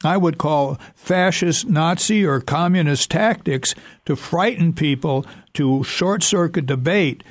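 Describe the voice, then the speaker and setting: A man speaking as a talk-show guest, his voice pitched a little high. He explains in a measured, slightly halting way. The recording is dry and close. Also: no room sound.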